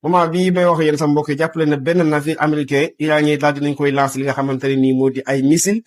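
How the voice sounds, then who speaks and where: Senegalese man delivering breaking news, higher-pitched voice. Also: level tone, fast. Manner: repetitive, addresses listeners often. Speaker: online news presenter.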